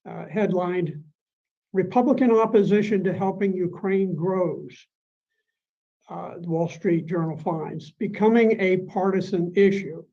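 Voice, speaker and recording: A man delivering a measured, dramatic prepared speech as a conference speaker. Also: sits high, creaky. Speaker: panel speaker. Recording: dull lo-fi sound.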